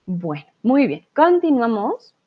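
A woman's voice: on the high side, very animated, husky. A woman with a Colombian accent teaching a live online Spanish lesson, patiently explaining and often checking in with her students. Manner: patient, explains slowly with frequent "¿vale?" check-ins. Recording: tinny phone-like audio.

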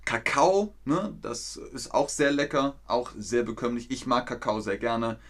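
A man teaching an online German lesson to learners, speaking slowly and clearly, repeating words and quizzing his viewers. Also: medium pitch. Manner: lively, with quiz questions to viewers.

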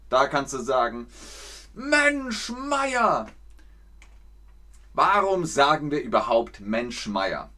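A man teaches everyday expressions in a relaxed live lesson. He speaks very slowly and deliberately, at a middle pitch, and acts out each exclamation with playful emphasis. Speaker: German teacher. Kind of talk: casual live language lesson.

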